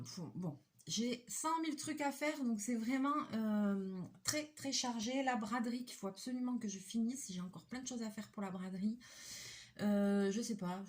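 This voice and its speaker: A middle-aged woman from the French Basque Country, chatting casually and rambling with many fillers as she unboxes a craft kit at home. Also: mid-range voice. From Basque Country, France. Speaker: craft vlogger.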